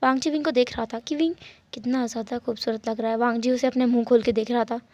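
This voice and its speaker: A woman reading fan fiction aloud as narrator, earnest and softening in tender passages. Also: fairly high pitch, steady tone, quick pace, no echo, muffled recording.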